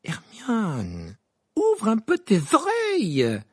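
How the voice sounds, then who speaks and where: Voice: mid-range voice, fast, vocal fry, a little mellow, breathy edge, dry recording, clean studio sound, pitched above the performer's own voice. An audiobook reader voicing Ron, a sceptical teenage boy who drawls dismissive remarks. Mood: mocking. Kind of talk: audiobook character voice.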